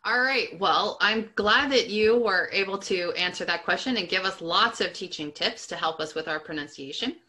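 A woman's voice: mid-range voice, normal speed, few pauses, bright, forceful tone. A woman interviewer asking questions in an upbeat, encouraging way.

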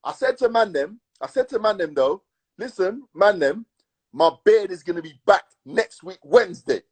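A man with a London roadman accent telling stories in casual, slangy chat, emphatic and repetitive, with a husky voice. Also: high voice, animated, moderate pace. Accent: London urban, roadman. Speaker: podcast co-host.

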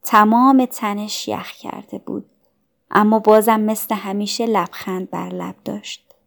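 A woman narrating a novel as an audiobook in an even, measured way. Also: medium pitch, vocal fry.

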